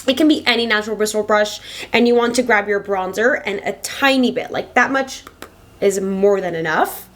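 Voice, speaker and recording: A woman in her twenties talking casually to camera through a makeup tutorial, chatty and emphatic, repeating words for stress. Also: on the high side. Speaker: beauty vlogger. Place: small indoor home filming setup.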